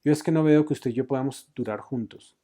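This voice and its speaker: A man's voice: mid-range voice, brisk, warm tone, close to an everyday voice. A man reading a wary, stubborn mother. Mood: doubtful.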